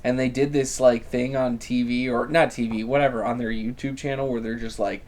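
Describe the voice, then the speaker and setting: A man's voice: medium pitch, fairly quick. Ranting young man on a podcast. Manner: swears a lot, animated rants. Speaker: podcast host. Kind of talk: casual chat.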